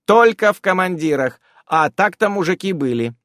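A man voicing a talkative magical footnote in an audiobook, eager and fussy with a rattling patter. The voice sits a little raised and lively in a dry, close recording. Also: high voice, normal speed, no echo, pitched above the performer's own voice.

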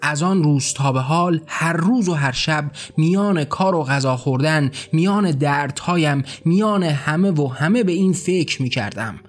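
A man voicing an angry young laborer who shouts furious questions in an audiobook drama. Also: fairly high pitch, lively intonation, hardly any pauses. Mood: defiant. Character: angry young male laborer, defiant rebel.

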